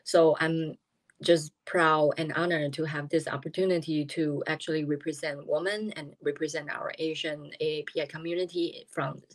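A woman in her fifties with a Taiwanese accent, speaking in an earnest video interview from a small room at home, halting and searching for words with many fillers. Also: deep voice, steady tone. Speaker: interviewee, politician. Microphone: video call.

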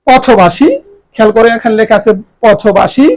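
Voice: medium pitch, moderate pace, a little mellow, poor audio. Teacher going over pronunciation, says each word again and again, spells out the letters, mid voice, close mic. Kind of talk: grammar lesson.

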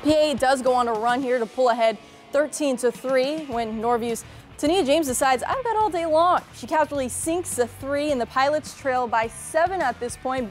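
Upbeat woman sports reporter, fairly high. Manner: upbeat, punchy play-by-play delivery. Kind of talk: scripted sports highlights narration. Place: TV news studio.

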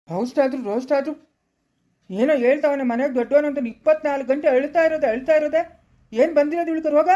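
A woman with a rural Karnataka accent, playing a harsh in-law who scolds loudly in a family drama skit. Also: high-pitched, dull audio, natural voice. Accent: rural Karnataka Kannada. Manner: scolding, loud and cutting.

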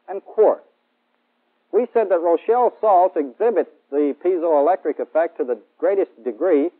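On an indoor studio set, a thirtysomething American man acts as a military instructor in a 1960s training film, delivering a formal, orderly lecture. His voice sits high, and the band-limited vintage soundtrack makes the audio narrow and tinny.

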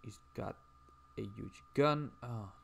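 A man's voice: fairly low pitch, takes it slowly, gravelly, husky. A man streaming casually as he draws, rambling and chatting while reading out viewer messages. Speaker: livestreamer.

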